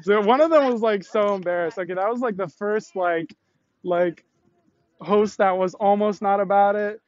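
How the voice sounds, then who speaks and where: Excitable young streamer guy, high voice. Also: moderate pace, muffled recording. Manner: excitable, laughs often, swears, slangy. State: out of breath and sweaty after push-ups. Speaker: live streamer. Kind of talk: casual live-stream chat. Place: outdoors on a busy college campus. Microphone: selfie stick tripod.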